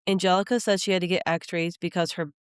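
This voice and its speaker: A woman's voice: on the low side, flat delivery, fast, clean tone, no echo, clean studio sound. A woman co-hosting a podcast, chatting casually as she recaps reality TV episodes and acts out quoted lines. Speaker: podcast co-host.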